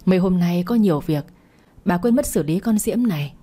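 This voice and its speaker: A woman narrates a scripted family drama in a steady, dramatic manner. Her voice is low and husky with a dark, mellow tone. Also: moderate pace.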